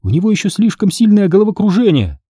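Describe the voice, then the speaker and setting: A woman's voice: mid-range voice, very animated, quick pace, dark tone, husky, no room sound, studio quality, voice pushed up. A man voicing a fierce, loyal young woman in an audiobook, pleading and scornful by turns. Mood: heated. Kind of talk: audiobook character voice.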